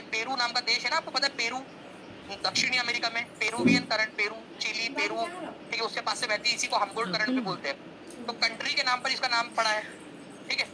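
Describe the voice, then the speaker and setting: A man's voice: extremely high pitch, sharp tone, slight background noise, rough recording. A male coaching teacher giving an exam-prep lecture, explaining step by step and checking in with the class again and again.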